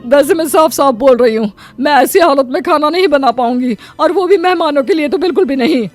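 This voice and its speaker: A woman voicing a young wife whose cold has turned her voice gruff and manly, stuffy and complaining. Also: sits high, fairly quick, faint music behind, close to an everyday voice. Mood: sickly complaining. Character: male-voiced daughter-in-law with a bad cold. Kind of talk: animated storybook voice acting.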